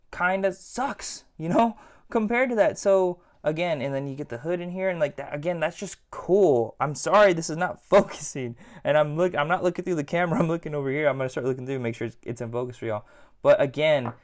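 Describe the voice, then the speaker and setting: A man giving a casual, rambling toy review at home, leaning on filler words like "again" and "like". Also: sits high. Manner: chatty, rambling, repeats "again" and "like".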